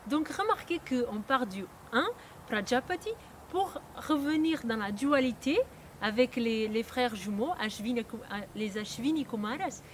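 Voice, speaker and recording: Woman, high voice, non-native accent, patient lesson explainer who hesitates and restarts often. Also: lively intonation, measured pace, a little hiss or hum. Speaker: Ayurveda teacher.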